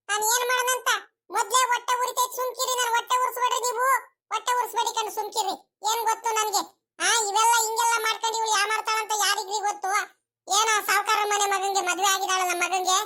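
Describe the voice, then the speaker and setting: A woman's voice: very high-pitched, flat delivery, fast, sharp tone. A woman voicing a fretful middle-aged village mother in a comedy cartoon, complaining about her daughter.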